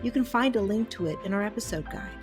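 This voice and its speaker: Music plays behind this woman as she talks fast and expressively in a mid-range voice. Hosting a podcast, she offers her guest plenty of encouraging murmurs during the interview, then wraps up the episode with an outro.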